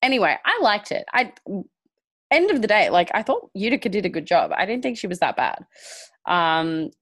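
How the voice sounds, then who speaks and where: Female podcast co-host, casual chat, animated delivery, lively pitch, dry close mic. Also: normal speed, no echo. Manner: animated, laughs often, swoops up in pitch. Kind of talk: casual chat reviewing a TV competition.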